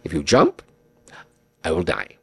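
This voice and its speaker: A man's voice: low voice, wildly swooping pitch, unhurried, vocal fry, fairly bright tone, slightly rough, voice pushed down, exaggerated voice. A man voicing a pompous mock-medieval nobleman, speaking in grand, archaic, courtly phrasing. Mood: mock-solemn.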